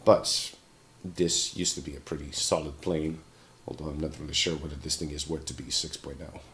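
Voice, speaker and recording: A man with an exceptionally deep voice hosts a casual game stream. He sounds clearly sick, stuffed up and sore in the throat, talking in a subdued, halting way. A faint layer of noise sits behind his microphone. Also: flat delivery, a bit bright. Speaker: game streamer, show host. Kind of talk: casual livestream game commentary.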